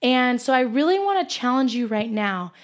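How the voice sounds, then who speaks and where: A woman's voice: fairly high pitch, sing-song, normal speed. A woman in her twenties hosts a podcast on her own and tells a story in a chatty, casual way, with many ums and likes. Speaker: podcast host. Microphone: home recording for podcast with video.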